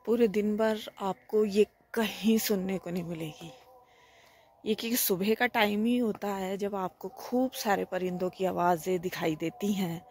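A woman's voice: mid-range voice, steady tone, measured pace, darkish tone. Chatty woman vlogging on a dawn walk. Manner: chatty, reflective, talking to camera on a walk. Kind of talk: casual vlog narration. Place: outdoors at night before dawn. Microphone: phone held at arm's length.

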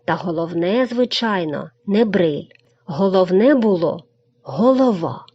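A woman reading a children's story aloud with expressive storybook narration. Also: fairly low pitch, a little slow, slightly rough. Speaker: reader. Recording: dull lo-fi recording.

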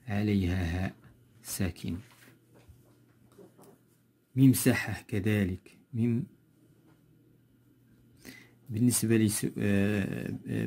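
A man's voice: on the low side, darkish tone, husky. A man with a Moroccan accent teaching a textbook grammar lesson, going step by step and repeating key words.

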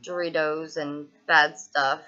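This Southern-accented woman in her twenties sits on a couch in a small room, venting to her laptop webcam in a meandering video diary. Her low voice is slow and level in tone, yet bright and forward, and it keeps stalling on restarts and fillers. Audio from the built-in mic is dull and lo-fi.

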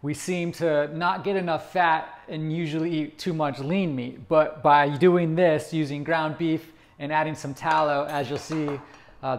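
A man in his thirties hosting a home cooking demonstration, explaining each step to the camera in an upbeat way, recorded in a kitchen. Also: a little high. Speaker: cooking video host.

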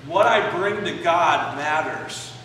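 In a medium-sized, very echoey church sanctuary with a long reverb tail, a pastor in his forties preaches a sermon, explaining a passage, gesturing, and pausing on key phrases. His voice is high for a man, pushed and bright with lively intonation, picked up by a far camera in the pews with slight background noise.

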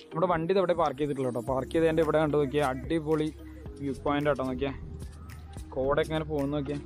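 A man's voice: fairly high pitch, steady tone, rapid-fire, darkish tone, faint music behind. A man with a Kerala Malayalam accent vlogging casually and enthusiastically to viewers, mixing English words into his Malayalam. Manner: enthusiastic, repeats catchphrases of approval. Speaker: travel vlogger, host. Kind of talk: casual vlog commentary to viewers.

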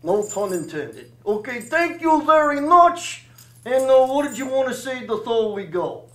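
A man voicing a wisecracking male ventriloquist dummy who tells jokes and gruffly brushes people off. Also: very high voice, big pitch swings, measured pace, a bit bright, roomy sound, pitched above the performer's own voice, heavily acted. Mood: joking. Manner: joking, gruff brush-offs.

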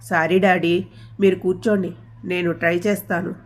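A woman's voice: lowish voice, level tone, moderate pace, natural voice. A woman voicing a young adult elder daughter who keeps pleading with her father in a storybook reading. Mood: apologetic. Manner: pleading, insistent.

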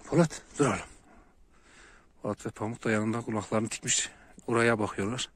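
A man's voice: lowish voice, steady tone, a little fast. Man, dog owner, outdoor vlog, calls his dogs firmly, light background noise. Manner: calls and soothes dogs, shouts sharply when they fight. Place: outdoors near a flock of sheep.

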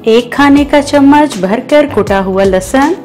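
With a Pakistani Urdu accent, a woman hosts a cooking show, patiently walking through a recipe step by step and clearly excited about the dish. Her high, slightly mellow voice moves at an unhurried pace. It's a voice-over with faint music behind it.

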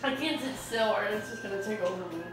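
A woman's voice: medium pitch, quick pace, over loud music. A young woman chatting casually and exclaiming dramatically as she struggles with her mouth burning from spicy food. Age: young adult. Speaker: challenge participant. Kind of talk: casual chat during an eating challenge. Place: indoor room at a table. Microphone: camera on table, about a meter away. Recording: echoey room, noisy with clinking dishes.

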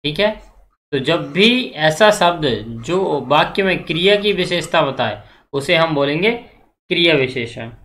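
A man's voice: a little high, a little slow, a bit bright. Hindi grammar teacher quizzing his class. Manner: repetitive, asks the class questions and answers them; checks in often. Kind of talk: exam-prep grammar lecture.

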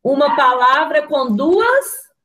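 A Brazilian woman with a high voice teaches young children over a video call from a computer. She speaks slowly and patiently, spelling words out syllable by syllable and asking the class questions. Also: sing-song, a bit bright, poor audio. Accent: Brazilian Portuguese. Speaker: primary school teacher.

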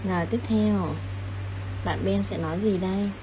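A woman's voice: mid-range voice, background noise. Patient woman teaching children. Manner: patient, repetitive, coaxing, spells words out slowly. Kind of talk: explaining a lesson.

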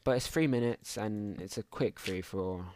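A man's voice: lowish voice, moderate pace, a little mellow, no echo. A young man casually commenting while playing a game at home, rambling through mumbled asides into a desktop microphone. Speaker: gaming channel host. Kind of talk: casual let's play commentary.

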